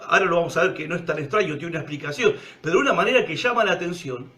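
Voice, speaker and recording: A man with a Rioplatense accent preaching a sermon, emphatic, swinging from loud cries to hushed low tones. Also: expressive, rapid-fire. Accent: Rioplatense Spanish.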